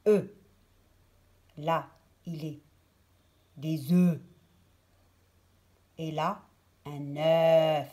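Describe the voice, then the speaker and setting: A woman teaches young children how to pronounce words, drawing each one out slowly and carefully. Her voice sits a little low. She repeats words one by one with exaggerated articulation, in the measured tone of a classroom lesson. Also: steady tone, warm tone. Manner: slow, deliberate, over-articulated word drills. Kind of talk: French pronunciation lesson for children.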